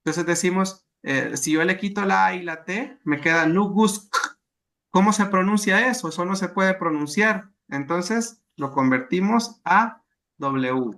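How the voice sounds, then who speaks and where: A man's voice: high-pitched, unhurried, a bit bright. A man teaching a language class, patiently explaining grammar and checking understanding with frequent questions.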